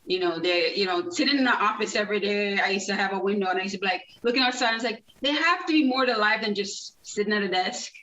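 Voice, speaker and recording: A woman's voice: medium pitch, quick pace, hardly any pauses, sharp tone. A woman in her thirties from Jamaica, guest in an interview, telling her story in a chatty way with many fillers and restarts. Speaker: guest, nonprofit founder. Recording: distant, dull, roomy sound.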